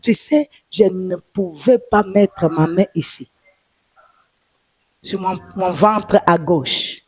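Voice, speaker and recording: A woman's voice: fairly low pitch, slow pace, breathy edge, no echo. A woman prophetess with a Congolese French accent, giving a fervent testimony in a repetitive, sing-song preaching cadence.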